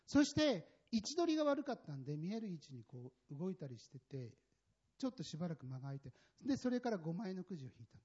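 A man giving a personal testimony in a sermon, telling his story in an animated, emphatic way with a husky voice. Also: fairly high pitch. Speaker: church member giving testimony. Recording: dull lo-fi recording.

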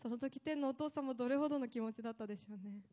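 A woman's voice: fairly high pitch, rapid-fire, mellow, lo-fi sound. A woman preaching a sermon with impassioned delivery, building up long emphatic lists.

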